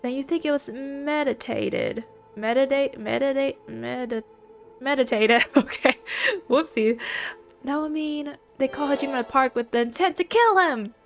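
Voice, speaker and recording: Reading game lines and then joking about them, this let's-play gamer sounds congested from allergies. Her voice is high with vocal fry, her pace unhurried, and soft music plays in the background.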